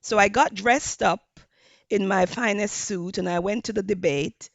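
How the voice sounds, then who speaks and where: Speaking with a Jamaican accent, a hospitality professor from Jamaica answers interview questions in a measured way, using frequent fillers. She has a gravelly, medium-pitched voice, recorded without echo.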